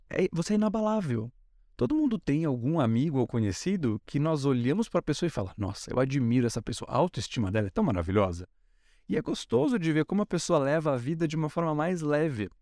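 A man's voice: a little high, sing-song, brisk, darkish tone, no room sound, clean studio sound. A young Brazilian man with a Brazilian Portuguese accent, hosting a casual solo podcast and chatting freely, often acting out bits of dialogue in playful voices. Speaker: podcast host.

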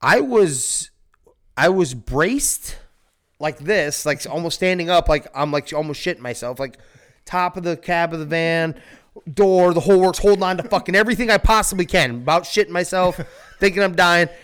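A man telling a wild story in casual podcast chat, animated and profane, laughing often and shouting when he acts out the scene. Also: high-pitched, normal speed, clean tone. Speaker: storyteller guest.

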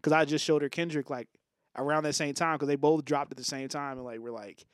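A man's voice: fairly high pitch, steady tone, clear, resonant tone, no room sound, clean studio sound. Casual young male podcast host. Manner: rambling, swears freely, quick bursts. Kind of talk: casual chat.

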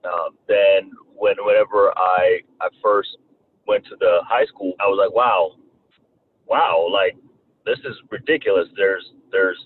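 A man in his thirties from Rwanda with a slight Southern twang, talking haltingly as an interview guest and often repeating words. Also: deep voice. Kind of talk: casual interview talk. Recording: tinny phone-like line, faint noise.

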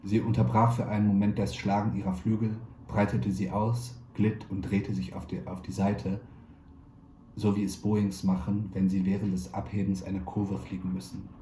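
A male actor reads a literary short story in a measured, quietly wry manner. His voice is low and very dark and mellow. The recording sounds roomy, with a faint hiss underneath. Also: level tone. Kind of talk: literary audiobook reading. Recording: roomy echo, faint background noise.

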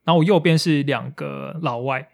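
A man's voice: a little high, moderate pace, gravelly, darkish tone. A man co-hosting a podcast, telling a story in casual chat and acting out quotes with English slang. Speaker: podcast co-host.

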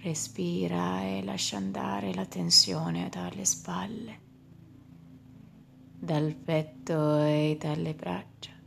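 A woman leading a guided meditation in a slow, soft voice that often drops into a whisper. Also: fairly low pitch, fairly even intonation, creaky, a little hiss or hum.

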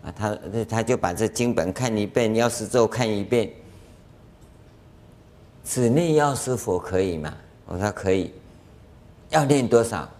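In a lecture hall, a Buddhist master with a Taiwanese Mandarin accent gives a dharma lecture in a lowish, unhurried voice with long pauses. He tells anecdotes in animated fashion, acting out dialogue and chuckling.

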